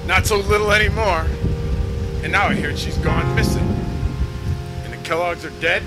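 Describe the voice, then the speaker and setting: An actor playing a bitter, war-haunted old sea captain with a melodramatic, halting delivery in a noir parody. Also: male voice, high voice, loud music behind the voice, close to an everyday voice. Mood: gruff, suspicious. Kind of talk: scripted film noir parody.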